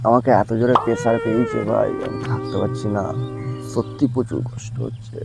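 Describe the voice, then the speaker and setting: A man's voice: mid-range voice, steady tone, brisk, vocal fry, over loud music. A young man vlogging casually to camera, chatting to his viewers as guys while lying on a parked motorbike outdoors at night, filmed on a phone held close. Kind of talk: casual vlog talk to camera.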